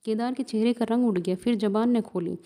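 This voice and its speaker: A woman narrating a classic short story in a steady storytelling manner, voicing every character. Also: on the high side, brisk.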